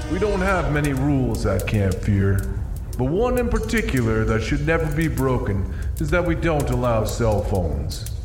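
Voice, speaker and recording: A creepy horror host, telling campfire tales with slow, teasing menace. His theatrical delivery swings up and down in pitch. The voice rings in a long reverb over music. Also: a little mellow. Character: creepy male horror host, camp storyteller by the fire. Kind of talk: theatrical horror podcast narration.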